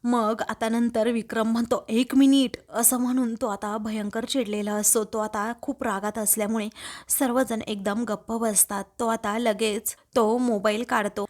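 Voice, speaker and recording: A woman's voice: on the high side, flat delivery, moderate pace. A woman narrating a recap of a TV serial episode, retelling each scene and reading out the characters' lines in turn.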